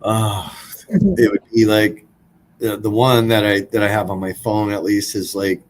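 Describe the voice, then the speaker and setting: A man's voice: lowish voice, level tone, unhurried, slight background noise, rough recording. A man in his forties, a podcast guest, telling a personal story in a blunt, casual way, swearing freely.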